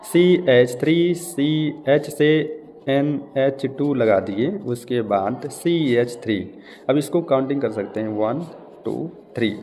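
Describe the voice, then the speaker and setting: A male chemistry teacher lecturing at an ordinary pitch, his voice mellow and dark. He explains each step and keeps checking that students follow. The recording has a long reverb and faint room noise behind it. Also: expressive, slow pace. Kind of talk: classroom lecture.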